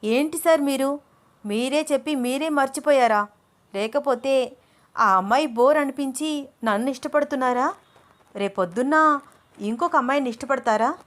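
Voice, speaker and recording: Touchy young student girl as a woman narrator plays her, indignant, accusing, audio story, middle-pitched voice. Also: steady tone, moderate pace, long pauses, close to an everyday voice.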